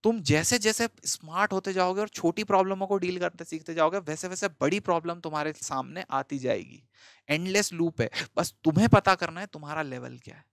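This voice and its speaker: A man's voice: a little high, a little fast, gravelly, a bit bright, no room sound, clean studio sound. A man, an online teacher giving a motivational talk to exam students in a direct, scolding but friendly way, repeating points for emphasis.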